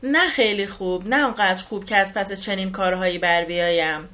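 A woman reading the part of an older man who calmly and reflectively recounts his past in a novel. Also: medium pitch, lightly acted.

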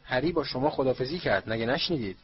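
A man's voice: mid-range voice, lively intonation, muffled recording, a little hiss or hum, lightly acted. A man voicing a flustered, kindly middle-aged wizard father, speaking in an earnest, pleading way. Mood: stern.

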